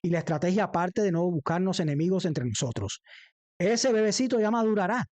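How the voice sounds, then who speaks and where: Speaking with a Cuban accent, this livestream host and former defense lawyer, originally from Cuba, pushes through a heated political monologue, leaning on repetition and rhetorical emphasis. His high voice is animated and brisk, slightly mellow, with no echo.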